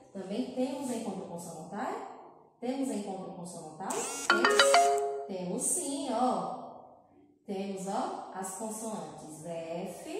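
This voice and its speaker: Slow, sing-song woman teacher in an echoey room. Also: medium pitch, mellow. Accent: Brazilian Portuguese. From Brazil. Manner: slow, sing-song, stretches words and repeats them for children. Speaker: primary school teacher. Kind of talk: recorded lesson for young children. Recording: echoey room, far from mic, faint noise.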